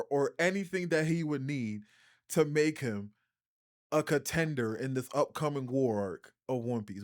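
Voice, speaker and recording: A man's voice: fairly high pitch, a little mellow, dry recording, clean studio sound. Argumentative man on a headset mic. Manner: argumentative, presses his point through interruptions. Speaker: podcast co-host. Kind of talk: casual podcast chat.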